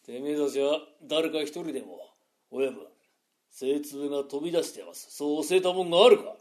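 A stern old gambling boss, put on by a man in a rakugo story, talking rough and slow in a voice dropped deep below his usual high tone. He scolds in a low, measured growl and sounds firmly in charge. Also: darkish tone, natural voice. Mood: scolding.

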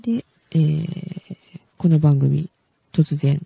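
A woman's voice: low voice, very slow, vocal fry, dark tone, slightly rough, no room sound. A woman hosting a casual podcast chat, chatty and giggling often. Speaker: podcast host. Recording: dull, dry lo-fi recording.

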